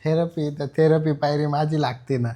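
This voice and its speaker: A man's voice: a little high, fairly even intonation, normal speed, dark tone. A young man from Maharashtra, a vlogger chatting casually with his wife and cracking dry jokes. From Maharashtra, India. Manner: joking, dry banter. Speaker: vlogger, husband. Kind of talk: casual chat.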